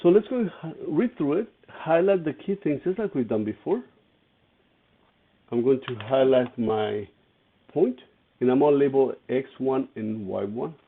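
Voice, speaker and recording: A man's voice: mid-range voice, lively intonation, normal speed, slightly rough. A man teaching an algebra lesson, walking through each step and asking his students questions as he goes. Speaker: math teacher. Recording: tinny phone-like lo-fi audio.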